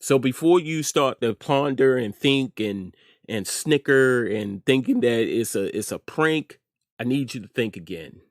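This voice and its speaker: The host of an online news commentary show, a middle-aged American man, shares informal opinions with emphasis, repeating phrases for effect. His mid-range voice is unhurried with lively intonation. It's a clean studio recording with no room sound.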